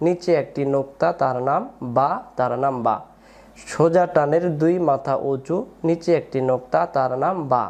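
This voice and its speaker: A man's voice: a little high, a little mellow. A man teaching beginners to read the Quran, patiently repeating each letter sound and calling on the listener to answer back. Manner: call-and-response drilling. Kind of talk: step-by-step spoken lesson.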